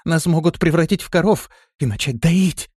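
The same sort of audiobook character voice comes from a man portraying a frightened, pleading young demoness whose speech trembles, pitched higher than his own voice. He reads at normal speed in a fairly high, slightly mellow, breathy tone, recorded dry with clean studio sound.

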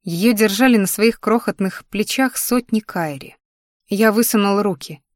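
A woman's voice: medium pitch, normal speed, no echo, studio quality. A woman reading a first-person fantasy audiobook expressively and with feeling. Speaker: audiobook narrator.

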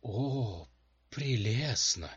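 A man voicing a touchy, sarcastic magic ring that speaks as a female, in a husky voice on a dull home recording. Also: mid-range voice, lively intonation, very slow, no echo, pitched above the performer's own voice, exaggerated voice.

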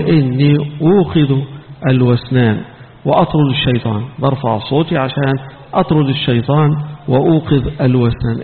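Recorded with a tinny, phone-like quality in an echoing hall, this Egyptian-accented sheikh teaches scripture commentary in a mosque at a medium pitch with vocal fry. He alternates between formal sermonizing and colloquial scolding asides.

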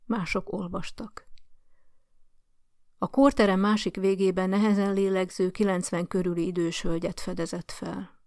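A woman narrates an audiobook in a calm, measured way, her voice carrying a gravelly grain. The recording is close and dry, with no room sound. Her delivery is steady and plain, the way a reader tells a story. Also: mid-range voice, dry recording. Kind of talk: scripted narration.

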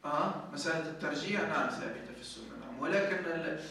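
A sheikh teaching Maliki jurisprudence speaks quickly in a voice on the high side, explaining step by step in a classroom lesson with questions and often checking whether his students follow by asking "clear?" The room is echoey, the mic is at a distance, and crowd noise can be heard.

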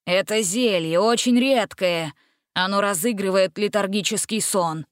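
A sly male villain from a storybook, whining and wheedling like the coward he is, voiced by a woman reader. The voice stays at an ordinary middle pitch and sounds dry and close. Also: unhurried, no echo, close to an everyday voice. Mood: sulky. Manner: whiny, wheedling.

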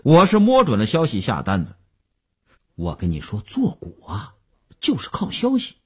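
A man's voice: mid-range voice, wildly swooping pitch, measured pace, slightly rough, exaggerated voice. A man reading a radio novel aloud, voicing a boastful, self-satisfied male stock speculator who chuckles and coaxes. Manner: bragging, chuckling, coaxing.

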